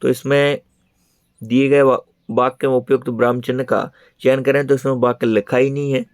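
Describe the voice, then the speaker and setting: A man's voice: mid-range voice, fairly even intonation, moderate pace, no echo. A man teaching an online exam prep lesson in speech, repeating each answer as he explains it.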